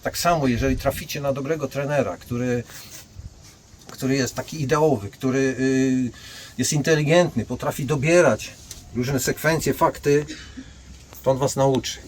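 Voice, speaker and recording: A man's voice: medium pitch, steady tone, moderate pace, a little hiss or hum. An older man, a martial arts master, telling blunt anecdotes and speaking directly to his listeners. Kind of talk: storytelling monologue.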